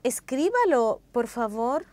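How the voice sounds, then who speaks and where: A woman narrates a scripted language lesson in a slow, careful, explanatory manner. Her voice sits a little high and moves through a lively melody. The recording is dry and close, with no room sound. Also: dry recording.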